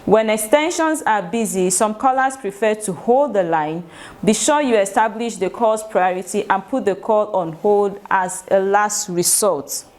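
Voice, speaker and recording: A woman with a Nigerian English accent runs a staff training lecture in a room. Her voice sits at a middle pitch, and she talks in an instructive way, checking whether the listeners understand. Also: a little slow, darkish tone. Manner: instructive, asks the room questions, acts out sample phone greetings.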